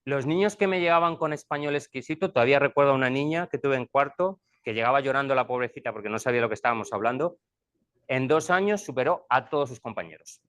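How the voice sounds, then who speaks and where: A man's voice: mid-range voice, expressive, fast, fairly bright tone, clear, resonant tone. A middle-aged man, a school leader, explaining things to parents and repeating his points in two languages. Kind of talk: bilingual presentation to parents.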